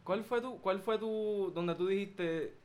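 A man's voice: high-pitched, slow pace, a little hiss or hum. A young man hosting a casual podcast chat, rambling and restarting his questions. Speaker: podcast host.

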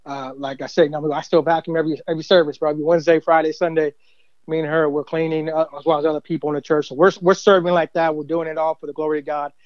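A man's voice: on the high side, little pitch movement, rapid-fire, dry recording, highs cut off. A middle-aged man, a church usher and youth minister, telling his story in a rambling casual way full of fillers. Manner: rambling, many fillers and "you know what I mean". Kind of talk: casual testimony interview.

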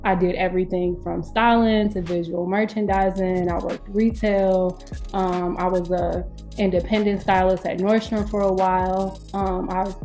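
A woman's voice: medium pitch, darkish tone. A woman speaking as a podcast guest, a brand strategist explaining her work in casual, informal conversation.

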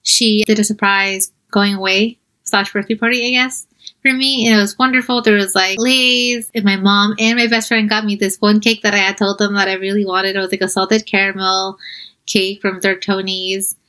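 A young woman from New York tells a personal story in a relaxed, chatty way. She keeps slipping into quoted dialogue and voices the people in it. Her pitch sits in an ordinary middle range. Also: moderate pace, low-quality recording. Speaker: podcast host and mental health coach. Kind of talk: casual storytelling monologue.

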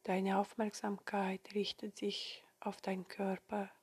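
Slow, soft half-whispering woman guiding meditation. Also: medium pitch, completely flat delivery, husky. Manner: soothing, gentle instructions with long pauses. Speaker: meditation guide.

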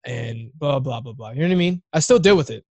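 A man's voice: mid-range voice, lively intonation, fast talker, creaky, a little mellow, dry recording. A man in his thirties talking casually and openly, swearing often and restarting his sentences as he thinks aloud. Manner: rambling, profane, restarts often. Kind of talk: casual conversation.

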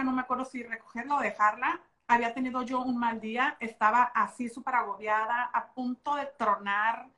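Animated Mexican woman telling stories. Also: a little high. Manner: animated storytelling, slangy, expressive. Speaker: podcast co-host. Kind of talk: casual chat about motherhood.

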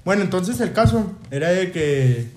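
A young man with a Mexican Spanish accent, casually telling a story among friends, animated, laughing often and full of slang. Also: high-pitched, moderate pace. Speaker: podcast co-host telling a story. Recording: echoey room, background noise.

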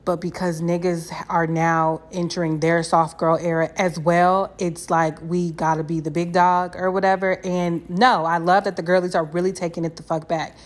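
A woman's voice: fairly low pitch, little pitch movement, normal speed, few pauses. A young woman chatting casually as a solo podcast host, candid and slangy, swearing freely and repeating phrases for emphasis. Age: young adult.

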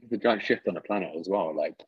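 A man with a very deep, husky voice hosts a podcast. He talks in a relaxed, chatty way and often restarts his sentences. The sound is slightly dull and muffled. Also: quick pace. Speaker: podcast host. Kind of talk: casual conversational interview.

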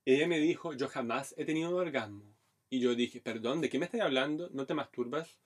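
Speaking briskly in a medium-pitched, slightly breathy voice, this Brazilian man in his thirties, a native Portuguese speaker, co-hosts a podcast. In casual chat he tells frank stories loaded with Chilean slang, all in a Brazilian accent.

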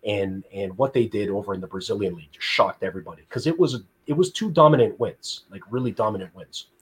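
A man hosts a casual sports podcast with a lively, eager delivery. His voice sits on the low side and has a husky grain to it. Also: fast talker. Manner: animated, enthusiastic, uses filler phrases. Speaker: podcast host.

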